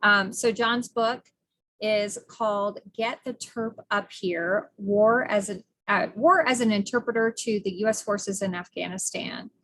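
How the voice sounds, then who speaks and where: A woman's voice: mid-range voice, fairly even intonation, unhurried, fairly bright tone. A middle-aged American woman hosting a podcast interview, speaking earnestly with frequent fillers and restarts. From United States. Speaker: podcast host. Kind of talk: casual interview.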